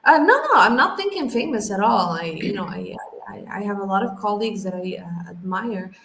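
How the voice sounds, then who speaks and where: Animated and fairly quick, her voice sits at medium pitch. She's an English teacher from Algeria in her thirties, speaking English as her third language, not her native one, and she answers interview questions casually, often repeating words as she works out her thoughts. Faint background noise and a roomy echo fill the recording.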